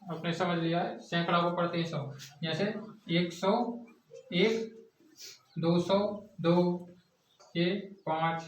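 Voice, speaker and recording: A male teacher drilling a math lesson, asking questions and answering them himself in a repetitive classroom style. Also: a little high. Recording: echoey distant lo-fi classroom recording.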